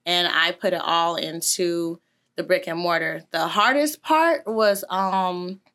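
A woman in her thirties chats through a casual interview in a rather low but bright, forceful voice. She sounds upbeat and talkative, with lots of "um"s and "like"s. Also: slow. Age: 30s. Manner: chatty and upbeat, with many "um"s and "like"s. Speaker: gym owner and trainer, guest.

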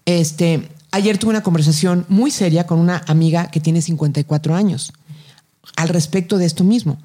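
A woman's voice: lowish voice, moderate pace, mellow. A middle-aged Mexican woman, a podcast guest, giving advice in an emphatic, colloquial way. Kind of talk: casual conversation.

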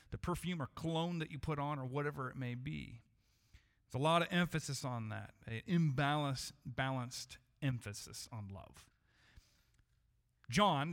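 A man with a slightly raised voice preaches to his congregation, earnest and measured, often circling back over his words. His voice rings with the long reverb of a church hall. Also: a little high, a bit bright. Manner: earnest, measured preaching with frequent restarts and repetitions. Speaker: pastor. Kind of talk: sermon. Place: church sanctuary.

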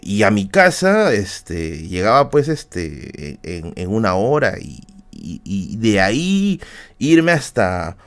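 Lively Peruvian man telling a story. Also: on the low side, slow. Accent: Peruvian Spanish. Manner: slangy and rambling, with many fillers and check-ins to the audience. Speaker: streamer telling anecdotes. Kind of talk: casual storytelling on a live stream.

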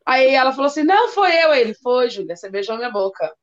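High-voiced woman telling school stories. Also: quick pace. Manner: animated, acts out children's voices. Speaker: school coordinator. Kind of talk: casual storytelling chat. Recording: dull lo-fi sound.

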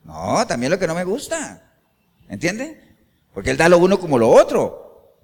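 Animated man preaching in a reverberant hall. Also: sits high, normal speed, breathy edge. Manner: animated preaching with rhetorical questions to the congregation. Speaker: pastor. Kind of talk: sermon.

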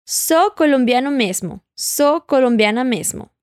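A woman leads an audio language lesson, her voice sitting a little high. She speaks patiently and keeps prompting the listener to repeat after her. The sound is close and dry, with no room around it. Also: lively intonation, a little slow, clear, resonant tone, no echo. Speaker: Portuguese teacher.

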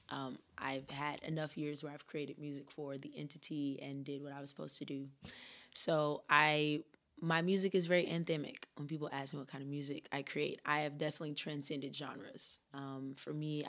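A woman with a low, steady voice that barely rises or falls speaks as a guest musician. She answers earnestly and at a measured pace, describing her work. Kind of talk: interview answer.

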